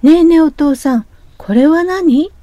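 A woman's voice: on the high side, animated, measured pace, mellow, no room sound. A woman voicing a cheerful, curious young boy dragonfly in a storybook reading, with a childlike, eager manner.

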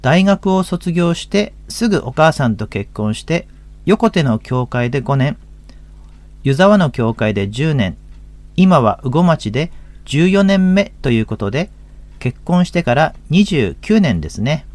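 A man's voice: fairly high pitch, big pitch swings, a little slow, a little mellow, no room sound. A man in his fifties with a Tohoku accent, a pastor hosting a religious radio talk in a folksy, chatty way. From Akita, Japan. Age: 50s.

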